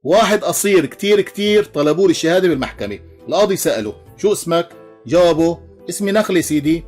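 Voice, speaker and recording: A man with a Levantine Arabic accent telling a string of jokes, animated, slipping into character voices and chuckling along. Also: a little high, quick pace, faint music behind. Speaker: joke teller. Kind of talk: voiced joke compilation.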